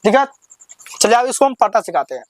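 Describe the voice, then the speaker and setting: High-voiced man teaching the alphabet. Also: sing-song, fast, no room sound. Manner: patient, repetitive, drawing out each syllable when reciting. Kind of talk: beginner alphabet lesson.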